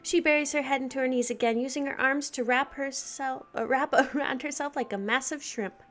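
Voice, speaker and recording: A woman hosting a let's play, reading a visual novel aloud with animated, giggly asides. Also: high voice, fairly quick, faint music behind.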